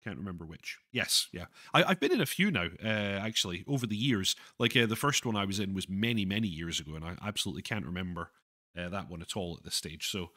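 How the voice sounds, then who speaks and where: Man, lowish voice, casual live-stream host, self-deprecating, stop-start delivery. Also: expressive, bright, forceful tone. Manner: chatty, self-deprecating, halting with many restarts. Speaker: livestream host reading chat.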